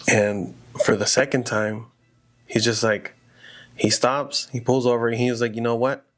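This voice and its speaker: A man's voice: mid-range voice, flat delivery, moderate pace, fairly bright tone. A man casually telling a horror story aloud, in a loose, rambling conversational way full of "you know" and "like".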